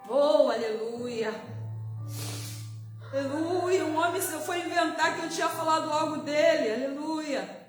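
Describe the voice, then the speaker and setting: A woman's voice: high-pitched, measured pace. A middle-aged woman missionary with a Brazilian Portuguese accent gives an emotional testimony sermon, often breaking in with hallelujahs. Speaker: missionary preacher. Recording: roomy with music behind.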